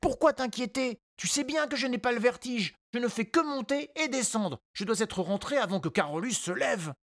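A man reading a storybook, voicing a small, gentle and determined boy in a high childlike voice. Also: expressive, normal speed, dry recording, clean studio sound, heavily acted. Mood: tender. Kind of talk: audiobook character voice.

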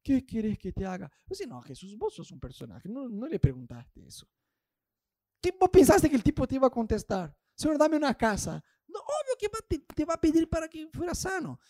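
An Argentine male preacher tells a Bible story in a casual, humorous style and acts out the voices. His voice is high and very animated, swinging widely in pitch. The sound is close and dry. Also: fairly quick, dry recording. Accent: Argentine Spanish.

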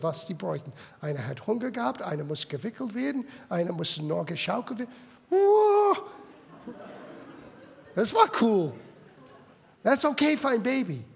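High gravelly-voiced preacher man. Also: in a large hall. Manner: emphatic, mixes English words into German. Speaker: pastor. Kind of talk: sermon. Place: church sanctuary.

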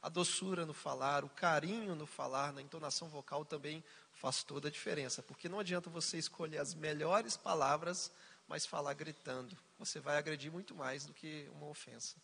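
A man's voice: on the high side, brisk, creaky, bright, forceful tone, husky, in a large hall. A man co-hosting a casual faith-based family talk, explaining points with jokey asides. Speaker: co-host of a family talk show.

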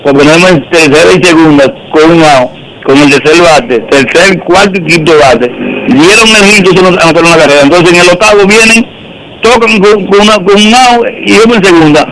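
A man's voice: high voice, brisk, a bit bright, a little hiss or hum, rough recording. A man calling into a sports radio show to talk baseball, rambling a bit. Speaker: caller. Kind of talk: call-in talk about baseball.

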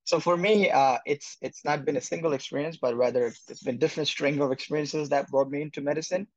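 A man's voice: a little high, fairly quick, no echo, highs cut off. A man from Bangladesh, a medical student, answering interview questions with many fillers and restarts.

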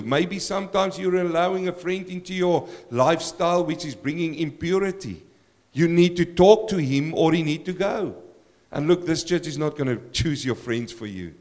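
Speaking straight to the congregation, a male pastor delivers his sermon with a croaky, somewhat high voice. He asks rhetorical questions and pushes his listeners with direct appeals.

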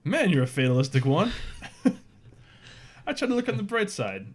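A man's voice: sits high, sing-song, moderate pace, pitched above the performer's own voice. A burly alien huckster in a cheap, greasy suit, all smiles and upbeat sales patter, as a man puts him on. His voice sits a bit above a man's usual talk and bounces with salesy cheer.

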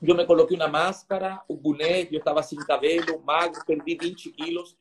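Male pastor guest, high voice, emotional halting testimony. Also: flat delivery. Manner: halting, repeats words for emphasis.

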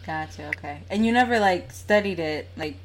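A woman's voice: lowish voice, normal speed. Chatty American woman in casual conversation. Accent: standard American. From United States. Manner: informal, chatty, laughs easily while talking. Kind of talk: casual chat.

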